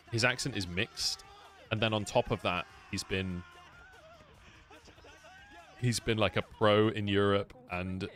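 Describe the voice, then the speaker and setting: A man's voice: lowish voice, fairly bright tone. A British man, an esports caster, chatting casually on a stream, swearing freely and answering viewers' questions. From United Kingdom.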